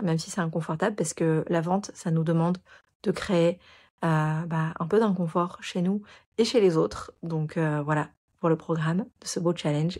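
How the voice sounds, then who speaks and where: Female podcast host, slightly low voice, earnest, halting delivery full of fillers. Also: a little mellow, slightly rough. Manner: earnest, hesitant with many fillers. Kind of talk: casual interview and promo.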